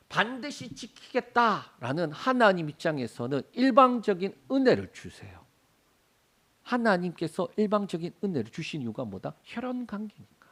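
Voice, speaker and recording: A middle-aged male pastor preaching a sermon, asking questions and answering them himself. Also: sits high. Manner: animated, asks and answers his own questions.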